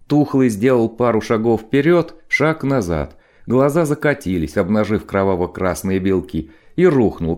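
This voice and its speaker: A man narrating an audiobook in an expressive, dramatic reading style. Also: medium pitch. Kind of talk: scripted narration.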